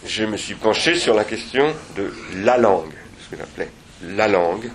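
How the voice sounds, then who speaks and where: A man speaking at an academic seminar, digressive and reflective, pausing often and restarting his sentences. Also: lowish voice, animated, slight background noise.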